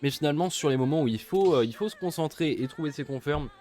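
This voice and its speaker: A man commentating an esports match, lively and chatty, easily amused. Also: a little high, quick pace, soft background music.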